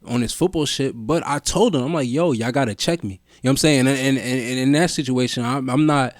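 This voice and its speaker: A man's voice: medium pitch, a little fast, no room sound. A young man co-hosting a podcast, telling a long story in loose, slangy casual chat. His voice sits in a middle register and is recorded dry and close, with no room sound around it. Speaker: podcast co-host.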